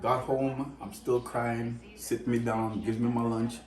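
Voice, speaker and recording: A man of middle pitch tells a personal memory with feeling, his voice rising high whenever he acts out the people in the story. The room around him has an echo. He talks in a loose, conversational way. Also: unhurried. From Canada. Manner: emotional, animated, acts out quoted voices. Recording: echoey room.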